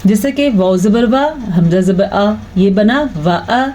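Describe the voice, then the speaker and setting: Mellow-voiced woman teaching tajweed. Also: medium pitch, low-quality recording. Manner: patient, explains slowly, recites verses in a drawn-out chant. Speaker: Quran recitation teacher. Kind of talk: online tajweed lesson.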